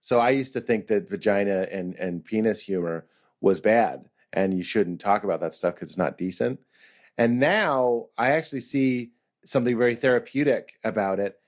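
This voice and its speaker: A man telling comic stories about his family as a therapy patient, animated and self-mocking. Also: on the low side. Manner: animated, self-mocking, acts out quoted voices. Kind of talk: comic storytelling in a mock therapy session.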